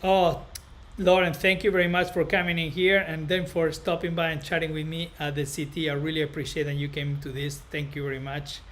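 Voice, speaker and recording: With a Spanish accent, a barber educator from northern Spain chats loosely to viewers on a casual live stream, halting, rambling and repeating himself often. His voice is a little high and a bit bright, with little pitch movement.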